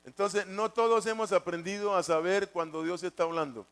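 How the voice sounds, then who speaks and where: A man's voice: high voice, fairly even intonation, normal speed, a bit bright, smooth. A man preaching a sermon, repeating his points and putting questions to the congregation. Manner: repetitive, asks the congregation questions.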